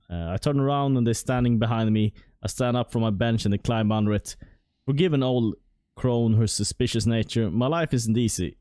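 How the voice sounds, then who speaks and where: A man voicing a scheming old female witch in a higher, mocking tone while reading game dialogue. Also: mellow, no echo, clean studio sound, natural voice. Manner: mocking, sly, theatrical.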